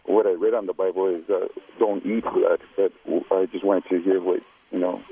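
A man calling in to a radio show over a phone line, asking his question in a hesitant, halting way. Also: sits low, little pitch movement, breathy edge, no echo. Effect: heard over a phone line. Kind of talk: call-in question.

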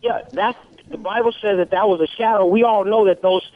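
A man's voice: sits high, fairly even intonation, brisk. A man calling in to a radio show over the phone, insistent and repeating himself as he quotes scripture. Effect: phone-line call-in voice on a radio show. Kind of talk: call-in debate. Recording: tinny dry phone line.

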